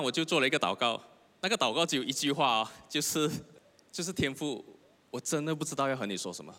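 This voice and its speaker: Young male preacher, earnest testimony, bright voice, big church reverb. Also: medium pitch. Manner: earnest, repetitive, asks the congregation questions. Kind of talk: sermon with personal testimony. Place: church hall. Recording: long hall reverb.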